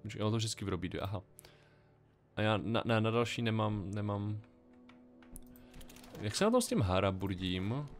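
A man's voice: lowish voice, animated, pauses often, faint music behind. A man casually commenting on a game he plays, thinking aloud in a chatty, wry way. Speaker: let's play gamer.

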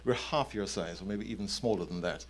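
A man in his fifties with a low voice speaks fairly quickly into a handheld microphone. He's a company chief executive on a panel at an indoor conference, explaining concrete points from the stage.

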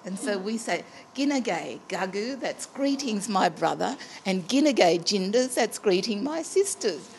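A woman's voice: medium pitch, very animated, a little slow, few pauses, a little mellow, slight background noise, poor audio. A woman teaching about culture, explaining words to her listeners in a storytelling way.

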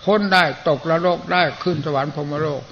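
An older man with a gravelly, slightly high voice speaks as a Buddhist monk delivering a sermon, talking fairly quickly with a fairly bright tone. His plain, folksy delivery is broken by frequent throat-clearing. The audio comes from a muffled old tape with a faint hiss underneath.

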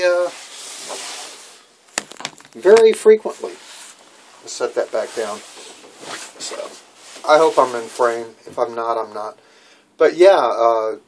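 A man's voice: a little high, a little hiss or hum. A man in his sixties casually vlogging from a small boat cabin, rambling with many fillers, recorded on a handheld phone. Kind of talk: casual vlog. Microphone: phone camera at arm's length.

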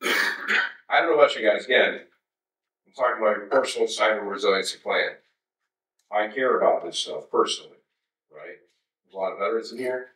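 A man's voice: lowish voice, fairly bright tone. Wry man in his fifties, keynote in a roomy hall. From United States. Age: 50s. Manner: conversational and wry, with asides to the audience. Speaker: keynote speaker. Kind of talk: conference keynote talk. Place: large darkened conference hall. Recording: roomy hall sound from a distance.

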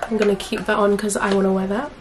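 A woman's voice: medium pitch, little pitch movement, fast, background noise. A young woman chatting frankly through a makeup haul, casual and swearing now and then. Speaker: beauty vlogger.

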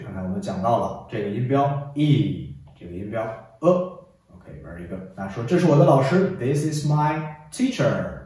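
Lively man teaching English, echoey room. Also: medium pitch. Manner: drills phrases, repeats "very good", coaxes repetition. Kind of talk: classroom-style English lesson. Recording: echoey room, distant mic.

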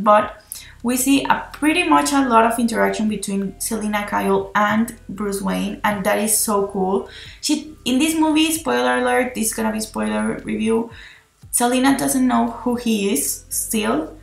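A woman with a medium-pitched, creaky voice chats enthusiastically through a rambling, casual film review. She records it on her own phone mic in an echoey room.

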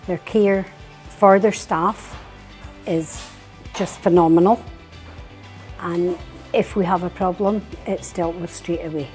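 A woman's voice: fairly low pitch, steady tone, takes it slowly, pauses often, a little mellow. A woman in her fifties, a restaurant supervisor, speaking with emphatic enthusiasm. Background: background music.

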